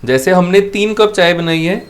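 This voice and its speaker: A male English teacher with a Punjabi accent who explains patiently during a cooking demo and slows right down whenever he repeats a phrase in English. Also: high voice, expressive. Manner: switches to English and says the phrases slowly and carefully.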